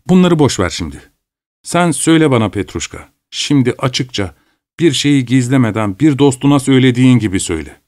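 A man's voice: mid-range voice, darkish tone, no room sound, voice pushed up, lightly acted. Man playing fussy nervous clerk, middle-aged, wheedling, explosive temper, dry close sound. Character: anxious, fussy middle-aged male clerk, easily enraged.

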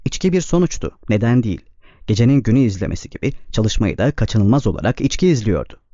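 A man reading a novel aloud as narrator, with a steady, measured delivery, in a slightly dull, dry recording. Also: mid-range voice, no room sound. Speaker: audiobook narrator. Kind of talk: scripted narration.

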